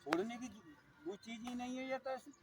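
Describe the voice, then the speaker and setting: A man's voice: very high voice, moderate pace, background noise. A man in a casual devotional discussion who keeps agreeing with his partner and finishing his sentences. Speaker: satsang discussion participant.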